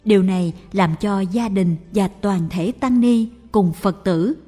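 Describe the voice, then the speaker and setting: A woman narrating a devotional story in a slow, measured, reverent way. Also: medium pitch, warm tone. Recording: long reverb with faint music.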